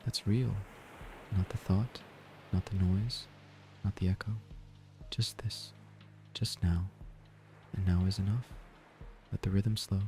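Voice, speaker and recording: A man gives a slow, soft-spoken guided sleep meditation in a gentle, breathy near-whisper. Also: low voice, steady tone. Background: ocean waves and gentle music.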